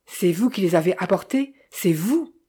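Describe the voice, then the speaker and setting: A raging middle-aged carter spits out threats in a low growl, as a woman acts him out. The voice sits low and sounds husky and dark, heavy with menace. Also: moderate pace. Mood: furious. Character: brutish angry middle-aged male carter.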